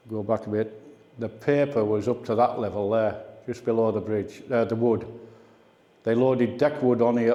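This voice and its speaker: Presenting slides of his reminiscences to a radio club, an older guest speaker explains things in a relaxed, conversational way. His mid-range voice sounds mellow, and the lo-fi audio carries the echo and reverb of the indoor meeting room.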